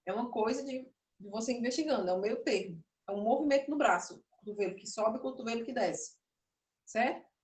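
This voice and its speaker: In a somewhat high, darkish voice, she talks briskly through a puppetry demonstration for an online class. She explains, demonstrates and keeps cutting herself off, slightly nervous, with the sound coming from far away in an echoey space.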